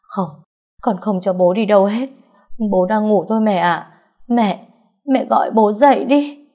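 A woman voicing a grief-stricken young woman who cries hoarsely over her dead father in an audiobook story. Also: mid-range voice, slow pace, voice pushed up. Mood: anguished wailing. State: crying.

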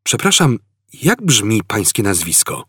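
A man's voice: lowish voice, big pitch swings, measured pace, bright, forceful tone, husky, no echo, heavily acted. A man voicing a flustered, indignant young Englishman who stammers.

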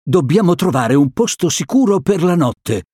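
A man voicing a cautious, stern male panther who scolds in a measured way. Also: a little high, sing-song, dark tone, breathy edge, no echo, studio quality, voice pushed up.

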